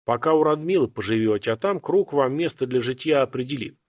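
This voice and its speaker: Old fortress elder in a man's reading, calm, authoritative, quiet, measured, husky tone. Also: mid-range voice, no room sound, natural voice.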